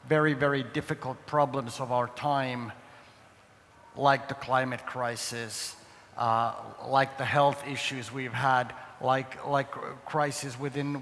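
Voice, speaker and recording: A middle-aged man with a Finnish accent, giving a halting, hesitant talk as a guest on a conference panel. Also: mid-range voice, fairly bright tone. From Finland. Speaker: guest speaker on open data. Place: large conference hall with ambient noise. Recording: noisy, long hall reverb.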